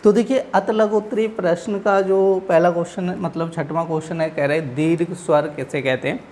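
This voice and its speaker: This teacher's fairly high, slightly mellow voice stays steady in tone while moving fairly quickly, over a little hiss or hum. He goes through exam answers one step at a time, patient and repetitive, checking with his students again and again with "okay."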